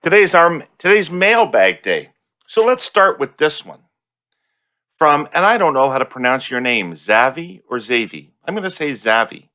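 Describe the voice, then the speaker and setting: Lively male podcast host. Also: fairly high pitch, normal speed. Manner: lively, reads listener mail. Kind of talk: casual panel chat.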